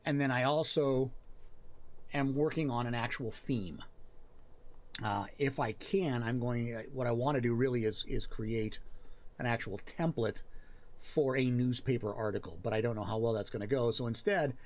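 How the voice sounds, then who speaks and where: A man hosting a live help stream, chatting casually and thinking aloud as he looks over work on his screen. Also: mid-range voice. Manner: thinks aloud, pausing and restarting as he reads. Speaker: host of a writing and worldbuilding help stream.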